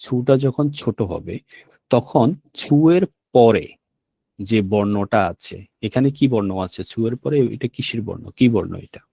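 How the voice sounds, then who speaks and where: A man's voice: fairly low pitch, animated, normal speed, vocal fry, mellow, dry recording. A man teaching a language class, patiently repeating words and checking that students follow. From Bangladesh. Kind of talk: classroom lesson explaining vocabulary.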